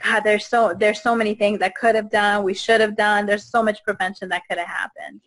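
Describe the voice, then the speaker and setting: A woman in her thirties from Guatemala, a guest telling her own story on a video call, earnest and halting with many fillers and restarts. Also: mid-range voice, flat delivery, a bit bright, poor audio. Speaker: interview guest. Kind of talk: personal testimony in a video call. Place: indoors, small room. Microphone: video call webcam.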